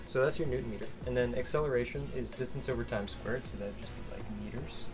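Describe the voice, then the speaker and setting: A man's voice: medium pitch, fast, music in the background. A young man chatting casually over drinks, patiently explaining things step by step. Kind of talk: casual chat while drinking.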